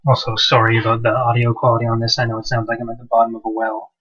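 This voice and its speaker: A man's voice: medium pitch, very fast, slightly rough. A man narrating gameplay casually over an old cheap microphone, his voice muffled and hollow as if from the bottom of a well, with frequent "uh"s and restarts. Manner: relaxed, with frequent "uh" and loose restarts. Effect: muffled hollow sound, like talking from the bottom of a well. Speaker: game mod developer.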